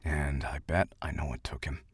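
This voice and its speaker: A man doing a deep husky frightened survivor. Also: normal speed, no echo, clean studio sound, full character voice. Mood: grim.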